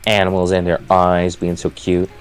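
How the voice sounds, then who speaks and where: A man's voice: sits low, monotone, normal speed, faint music behind. A man co-hosting a let's play, rambling casually with lots of "like" and restarts and laughing often. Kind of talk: casual gaming commentary.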